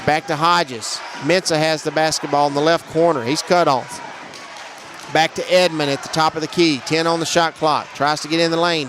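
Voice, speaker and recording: Male play-by-play announcer, slightly high voice, brisk game calls, faint gym noise behind. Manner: brisk, matter-of-fact calls, raising his voice on big plays. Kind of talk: live basketball commentary.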